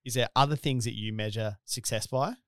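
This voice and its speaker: A man's voice: medium pitch, brisk, dry recording, studio quality. A man in his thirties with a broad Australian accent, hosting a casual interview in a rambling, colloquial, blokey way. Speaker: podcast host and business owner.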